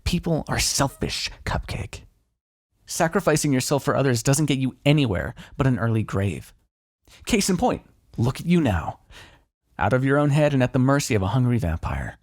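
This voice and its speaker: Frustrated and bitter this time, the man voicing the sardonic vampire in an intimate ASMR roleplay monologue still teases, sighs and swears in a conversational way, wry yet grudgingly fond underneath. His pitch is very animated with a creaky low edge, he talks at normal speed, and the recording is dry with clean studio sound.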